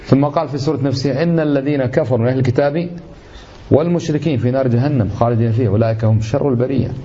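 Guy teaching religion, talks fast and mellow-toned, emphatic, lo-fi sound. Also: medium pitch. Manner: emphatic, rhetorical questions, indignant. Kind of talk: religious lesson commentary. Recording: slightly dull lo-fi recording.

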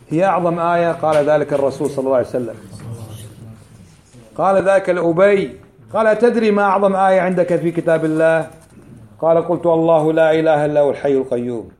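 Male religious teacher, high-pitched, drills key phrases and quizzes the class. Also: a little mellow. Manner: quizzes the class with quick questions; repeats key phrases slowly for emphasis. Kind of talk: religious lesson.

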